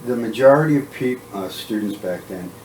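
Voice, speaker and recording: A man's voice: mid-range voice, lively intonation, a little fast, darkish tone, slight background noise. A man acting as interviewer, asking questions and adding comments in casual conversation. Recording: roomy, distant mic.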